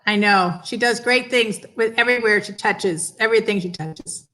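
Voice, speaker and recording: A woman's voice: mid-range voice, moderate pace, fairly bright tone, low-quality recording. A woman in her fifties from the northeastern US, giving earnest, appreciative answers as an interview guest. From northeastern United States. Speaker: interview guest, children's cancer charity director. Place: indoors on an online call.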